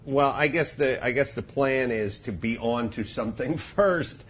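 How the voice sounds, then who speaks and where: A man's voice: medium pitch, a little slow, husky. A middle-aged man hosting a podcast, rambling and joking crudely in casual banter, often interrupting himself. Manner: rambling, self-interrupting, jokey. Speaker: podcast host.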